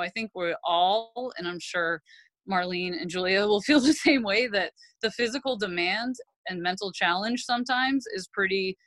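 A middle-aged woman, a lobster fisherman and captain, talking in a relaxed, rambling way on a panel. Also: on the low side, no room sound, rough recording. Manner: relaxed, rambling, with many "you know"s. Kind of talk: panel discussion.

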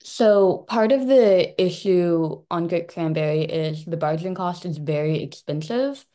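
Low-voiced young woman, casual. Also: expressive, measured pace, warm tone. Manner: casual, sprinkled with "like". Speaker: college student and service corps member. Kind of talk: casual interview talk.

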